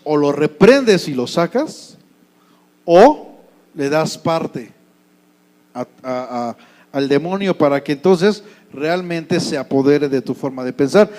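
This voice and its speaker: A man's voice: on the high side, a little mellow. A male pastor with a Mexico City Spanish accent, preaching a sermon in a conversational way and often asking the congregation questions. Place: church.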